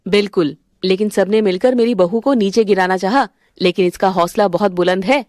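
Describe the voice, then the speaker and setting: A woman's voice: mid-range voice, moderate pace, darkish tone, no echo, clean studio sound, voice pushed down, natural voice. A woman voicing an older, weary but loving mother-in-law in a cartoon story. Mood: tender. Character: older mother-in-law, warm and weary, kind to her daughter-in-law.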